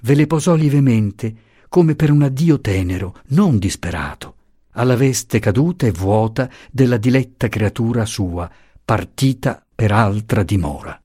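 A man narrating a literary novel in a slow, measured, expressive reading, recorded close. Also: medium pitch, husky, no echo. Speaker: audiobook narrator.

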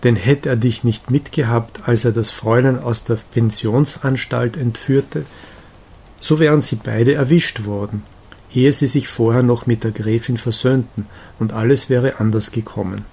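A man narrating a romantic novella in an audiobook, in a calm, even storytelling manner. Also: medium pitch, normal speed, creaky, husky.

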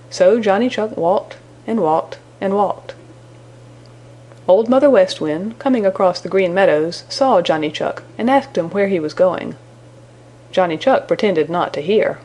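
A woman narrating a children's story chapter aloud in a gentle, expressive storytelling manner. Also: medium pitch, slightly rough.

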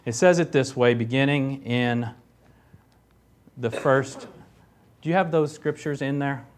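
A man's voice: mid-range voice, measured pace. A man preaching a sermon, reading scripture aloud and pressing his points with rising emphasis and casual asides. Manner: emphatic preaching, rising loud on key phrases. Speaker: pastor.

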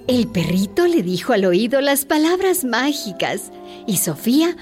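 A woman giving expressive, scripted narration of a children's story. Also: fairly high pitch, unhurried. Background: music.

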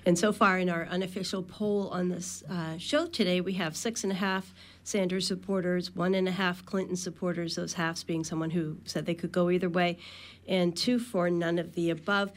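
A woman's voice: lowish voice, steady tone. A woman hosting a radio call-in program, taking callers and moderating guests. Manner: brisk, fast-paced moderating.

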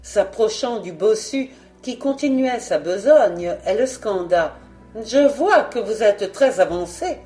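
A woman's voice: mid-range voice, mellow. A woman reading a novel aloud as an audiobook narrator, with dramatic storytelling. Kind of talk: scripted narration.

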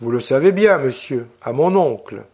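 A man voicing a young peasant girl in an audiobook reading, with an eager, breathless, high-pitched child voice. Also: expressive, moderate pace, darkish tone, natural voice. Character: young peasant girl, timid but loyal.

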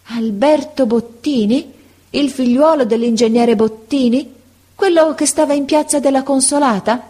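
A woman voicing a frail, gentle old male schoolteacher in an audiobook, speaking slowly and tenderly. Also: fairly low pitch, natural voice. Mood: warm, nostalgic. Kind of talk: audiobook character voice.

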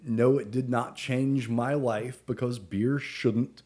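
A man's voice: medium pitch, fairly even intonation, slow pace, a little mellow, breathy edge. Earnest man in casual review chat. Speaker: podcast co-host, beer reviewer.

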